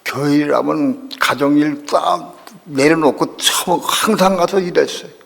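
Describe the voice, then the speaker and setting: Older Korean pastor, gravelly, in a reverberant hall. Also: male voice, fairly high pitch, measured pace, fairly bright tone. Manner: emotional storytelling, voicing quoted people. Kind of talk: sermon. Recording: long reverb of a church hall.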